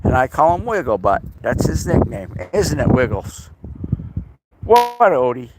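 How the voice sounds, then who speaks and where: A man's voice: mid-range voice, big pitch swings, moderate pace, heavy background noise. Chatty man livestreaming outdoors with his dogs. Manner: chatty, talks to his dogs in a raised playful voice. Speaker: livestreamer and dog owner. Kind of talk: casual livestream talk. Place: outdoors in snow at a rural home.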